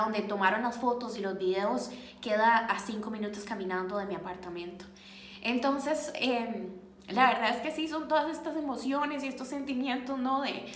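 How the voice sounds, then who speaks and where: A woman's voice: on the high side, a bit bright. Earnest Costa Rican woman vlogging. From Costa Rica. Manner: earnest and reflective, searching for words. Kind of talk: casual vlog talk to camera. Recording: echoey room with faint noise.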